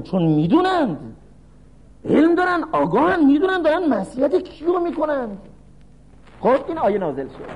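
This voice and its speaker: Animated male preacher telling a story. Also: high-pitched, highs cut off, a little hiss or hum. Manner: animated storytelling, acts out quoted voices; recites Arabic verses then explains. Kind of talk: sermon.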